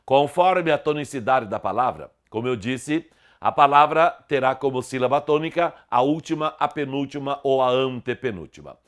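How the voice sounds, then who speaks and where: A man giving an online grammar lesson, explaining word stress in a didactic way and slowly stressing syllables. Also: mid-range voice, lively intonation, smooth. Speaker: grammar teacher.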